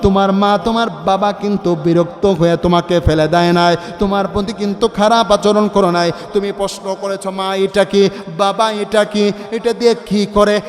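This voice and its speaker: A male preacher with a Bangladeshi Bengali accent giving a waz sermon, moving from soft talk into loud sung chanting. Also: sits high, flat delivery, moderate pace. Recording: long hall reverb with faint music.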